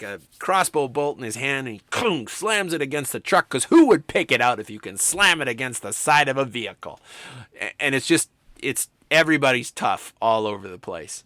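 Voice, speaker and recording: Animated, emphatic male film lecturer. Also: fairly high pitch, no room sound. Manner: animated, emphatic, swings from quiet to loud excitement; enthusiastic, talks to students directly. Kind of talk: recorded lecture.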